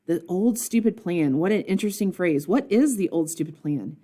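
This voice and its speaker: Mellow, low-pitched woman teaching poetry. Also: expressive, moderate pace. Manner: thinking aloud with many ums, posing questions. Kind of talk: recorded poetry annotation lesson.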